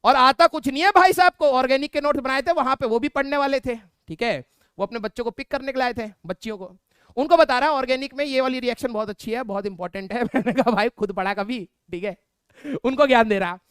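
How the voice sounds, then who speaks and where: A man's voice: extremely high pitch, fast talker, a bit bright, clean tone, dry recording. Young male teacher, casual storyteller, frequent "theek hai" tag, clean resonant voice, dry close recording. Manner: chatty, keeps tagging lines with "theek hai"; laughs at his own story. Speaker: physics teacher. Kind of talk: casual anecdote told to a class.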